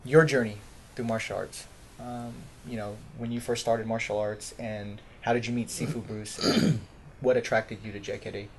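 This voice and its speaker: A man's voice: on the low side, little pitch movement, moderate pace, slight background noise. A man hosting a casual interview show, introducing and questioning his guest with friendly, loose phrasing.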